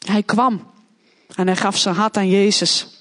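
A woman's voice: mid-range voice, fairly even intonation, unhurried, a bit bright. Woman telling her life story at church, earnest, plain storytelling. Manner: earnest, acts out quoted voices. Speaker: speaker giving a personal testimony. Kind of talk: personal testimony storytelling.

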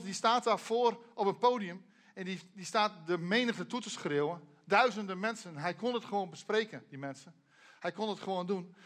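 A man preaching a sermon, retelling a Bible story in an earnest storytelling way, slowing on key names and dropping low at the ends of sentences. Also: a bit bright.

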